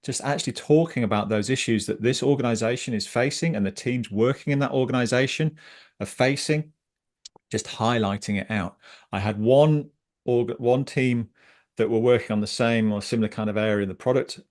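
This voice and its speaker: Brief: male webinar co-host, mid-pitched and eager, a passionate trainer who talks through his points. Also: brisk. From Britain. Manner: passionate, animated, chatty. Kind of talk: online webinar discussion.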